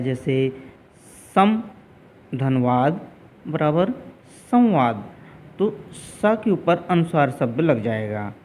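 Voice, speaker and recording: A middle-aged man teaching a spelling lesson, speaking slowly and deliberately and repeating words for emphasis. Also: a little high, a bit bright, slight background noise. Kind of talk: classroom lesson on Hindi spelling.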